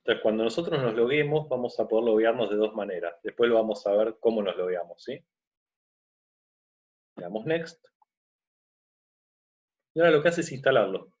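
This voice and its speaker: A man teaching a screen-recorded software course, explaining step by step and often checking in with his listeners. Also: on the low side, animated, normal speed, pauses often, muffled recording. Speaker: course instructor.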